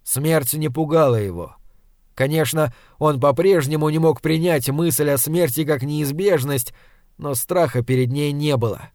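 A man narrating a literary audiobook in a steady, even storytelling manner. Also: fairly high pitch, unhurried, no room sound, clean studio sound.

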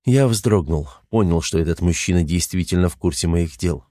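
A man narrating a first-person audiobook with a low, warm, mellow voice. His delivery is even, restrained and matter-of-fact, and the recording is close and dry with no room around it. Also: moderate pace, dry recording.

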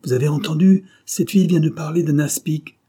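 A man's voice: mid-range voice, moderate pace, warm tone, breathy edge. A man voicing Armand, a stern commanding young man. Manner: firm, accusing.

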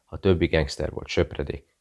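A man's voice: a bass voice, steady tone. A man voicing a nervous Serbian barkeeper. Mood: fearful. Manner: clipped broken phrasing, hushed and fearful. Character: Serbian male barkeeper, nervous, secretive, broken speech.

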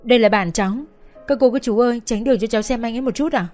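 A woman's voice: mid-range voice, fairly quick, soft background music, pitched above the performer's own voice, natural voice. A woman voicing a young woman who cries and begs bystanders for help. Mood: pleading, tearful. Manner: tearful, begging, shouting.

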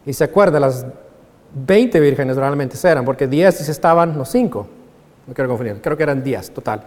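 A male pastor preaching a sermon with passion, swinging from hushed lines to loud exclamations. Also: medium pitch, expressive, moderate pace. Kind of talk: Spanish-language sermon. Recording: long reverb of a large hall.

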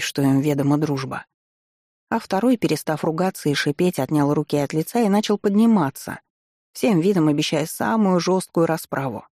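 Audiobook narrator, first-person fantasy, ironic and lively; dry booth sound. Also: mid-range voice, dry recording. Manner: wry and expressive, ironic asides.

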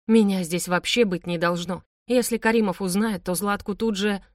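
A woman's voice: mid-range voice, fairly even intonation, normal speed, dry recording, studio quality, lightly acted. A woman voicing a desperate man who sobs, whispers and begs tearfully. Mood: pleading. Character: desperate middle-aged man, sobbing and pleading.

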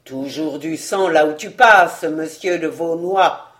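A reader voicing a masked male outlaw leader in an audiobook, speaking low, slow and menacing. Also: natural voice. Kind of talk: audiobook character reading.

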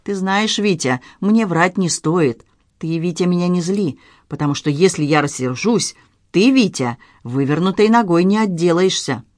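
Cool-headed amateur sleuth woman, ironic and quietly threatening voiced by a narrator, dry close mic. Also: mid-range voice, moderate pace, no room sound, close to an everyday voice. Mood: menacing. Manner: calm, ironic, quietly menacing. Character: shrewd, unflappable middle-aged woman amateur sleuth.

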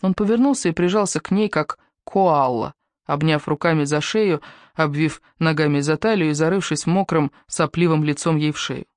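A woman narrating an audiobook in an even, measured storytelling manner. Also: sits low, no room sound, studio quality. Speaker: audiobook reader. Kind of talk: scripted narration.

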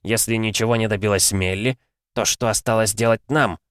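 A man voicing the stern male commander of a magic order, cold and quietly authoritative. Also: on the low side, fairly even intonation, fairly quick, clean tone, no room sound, studio quality, voice pushed up, lightly acted.

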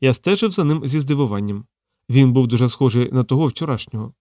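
A man narrating an audiobook in an even, measured reading. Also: medium pitch, no echo, clean studio sound.

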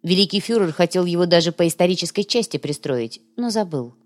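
A woman narrating an audiobook in a lively, character-driven reading. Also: lowish voice, a little fast. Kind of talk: scripted narration.

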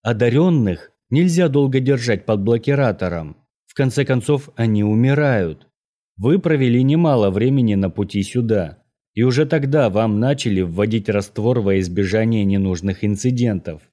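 A man voicing an old Norwegian mage, courteous and menacing, who speaks in a measured, formal, lecturing way. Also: lowish voice, lively intonation, warm tone, lightly acted. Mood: earnest.

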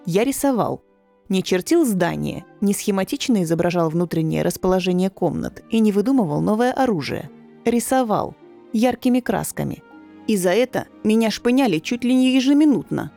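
A woman voicing a gentle, wry young male servant telling a story. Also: medium pitch, expressive, brisk, creaky, soft background music. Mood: wistful. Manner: wry, easygoing.

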